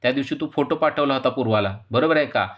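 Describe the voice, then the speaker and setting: A man voicing an angry older family head, scolding in a loud rising voice while retelling a TV serial. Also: medium pitch, fairly quick, natural voice.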